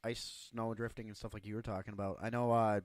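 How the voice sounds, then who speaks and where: A man's voice: fairly low pitch, little pitch movement, fast talker, dry recording. A man co-hosting a casual car podcast, rambling and easygoing. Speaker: podcast co-host. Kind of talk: casual chat.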